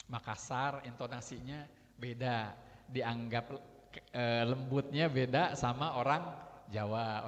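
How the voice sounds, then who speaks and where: A man giving a religious sermon in a relaxed, conversational way, acting out everyday quarrels as examples. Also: mid-range voice, dull audio. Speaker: preacher. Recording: long hall reverb.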